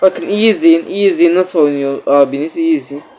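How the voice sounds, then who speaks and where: A man giving excitable gameplay commentary as a gaming YouTuber, repeating words and constantly addressing his viewers. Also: a little high, fairly quick, slight background noise.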